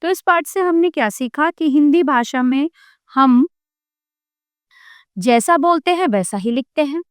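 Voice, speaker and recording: A woman's voice: high voice, expressive, measured pace, long pauses, dry recording, clean studio sound. A woman teacher giving a lesson to children, reading word pairs aloud and repeating each word twice. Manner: addresses children warmly with set greetings. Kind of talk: classroom video lesson.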